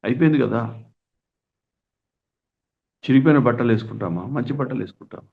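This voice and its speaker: A man's voice: mid-range voice, a little fast, vocal fry. A middle-aged man giving a spiritual discourse, earnest, with lots of rhetorical questions and folksy asides. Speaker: spiritual teacher. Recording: tinny phone-like sound.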